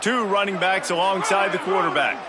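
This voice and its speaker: High-voiced male football play-by-play announcer. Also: brisk. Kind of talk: live American football commentary. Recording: very loud stadium crowd noise. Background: crowd and stadium ambience.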